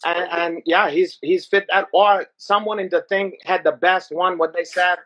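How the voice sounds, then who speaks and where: A man's voice: high voice, fairly even intonation, moderate pace, fairly bright tone. A man in his forties chatting casually on a video call, in a rambling way. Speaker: guest commentator. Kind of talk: casual chat. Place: small room indoors.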